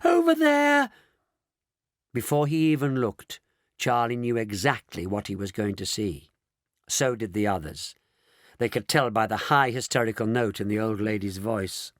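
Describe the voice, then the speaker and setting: A man narrating a children's audiobook in an expressive, dramatic reading style. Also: lowish voice, moderate pace, no echo, studio quality. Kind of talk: scripted storybook narration.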